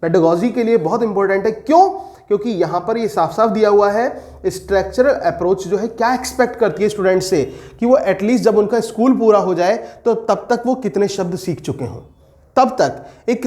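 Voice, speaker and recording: A man teaching English pedagogy for teacher exams, posing questions to his students and slowing down to dictate definitions. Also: high-pitched, a little mellow. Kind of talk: exam-prep lecture.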